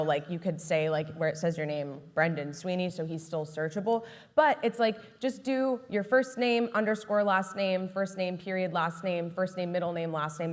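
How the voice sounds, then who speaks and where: A young woman giving an upbeat, chatty talk at an expo, with many fillers. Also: lowish voice. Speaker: presenter. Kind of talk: conference talk. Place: large expo hall. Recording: long hall reverb.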